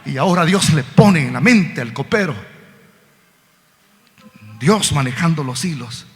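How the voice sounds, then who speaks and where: A preacher who swings from quiet talk to shouting. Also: male voice, a little high, animated, measured pace. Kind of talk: fiery evangelical sermon. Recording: shouting with long hall reverb.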